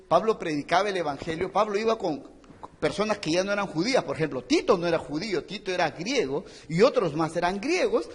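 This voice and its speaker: A man's voice: high-pitched, husky, big-room sound. A man preaching a sermon in a church, earnest, addressing listeners as brothers and acting out stories. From Peru. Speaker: pastor.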